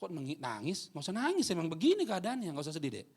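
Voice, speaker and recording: Animated joking pastor, fairly high voice. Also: male voice, racing, breathy edge. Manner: swings between loud preaching and quiet asides. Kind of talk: sermon. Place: church hall.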